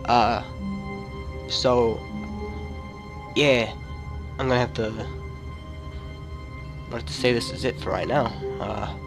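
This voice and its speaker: A man's voice: medium pitch, fairly even intonation, slow pace, creaky, long pauses, music in the background. A man with a cold giving casual, jokey, rambling commentary as the host of a gaming video. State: has a cold.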